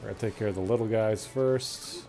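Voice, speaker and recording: A man's voice: fairly low pitch, fairly quick, creaky, mellow, soft background music. A man streaming a video game, chatting and joking as he thinks aloud. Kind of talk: casual gameplay commentary.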